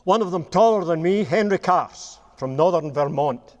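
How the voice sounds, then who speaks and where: A man's voice: fairly high pitch, lively intonation, normal speed, in a large hall. Humorous Scottish man telling stories. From Scotland. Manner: humorous rambling storyteller, laughs at his own jokes. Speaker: cattle judge giving a talk. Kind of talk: anecdotal talk to an audience. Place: room with a live audience.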